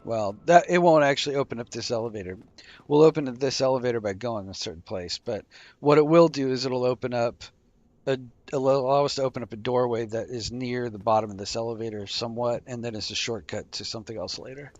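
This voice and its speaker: A tired man streams a game, casually explaining each move and yawning as he goes. He talks fast in a medium-pitched voice into a desk microphone, and the recording is muffled but echo-free.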